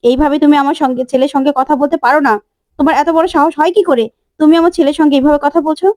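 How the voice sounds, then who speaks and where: A woman storyteller doing a proud, hot-tempered father who lectures and scolds, voiced high and fast. The tone is mellow, with a dry sound. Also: lively intonation, no room sound. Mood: angry. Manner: angry, lecturing.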